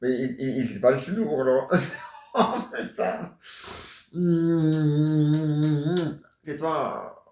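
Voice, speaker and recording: Man, 40s, rambling joker, slightly high voice, reverberant room. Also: steady tone, drawn-out words, warm tone, recorded from a distance. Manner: joking, playful, teasing banter. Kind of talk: rambling casual chat. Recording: echoey room.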